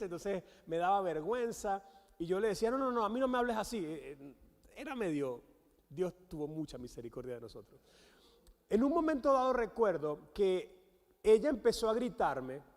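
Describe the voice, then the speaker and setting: Animated Venezuelan preacher in a reverberant hall. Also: male voice, high voice. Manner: animated storytelling, acts out quotes. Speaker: guest pastor. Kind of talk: sermon. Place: church sanctuary. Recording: long church hall reverb.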